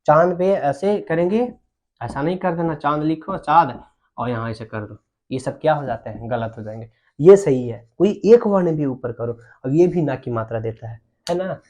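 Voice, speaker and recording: Young guy teaching grammar, kinda high voice, keeps asking if u got it. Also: a little mellow. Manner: explains slowly, checks understanding with repeated questions. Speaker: Hindi teacher. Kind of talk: classroom grammar lesson.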